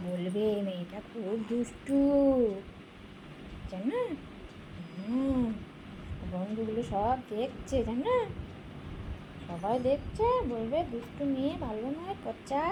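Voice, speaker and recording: A woman's voice: on the high side, background noise. A mother talking sing-song baby talk to her baby while filming at home.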